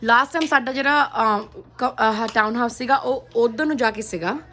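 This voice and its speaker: Chatty woman vlogger with a higher-pitched voice. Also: a little fast, pushed and bright. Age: adult, a mother of children. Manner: chatty, mixing in English phrases. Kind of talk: casual vlog chat.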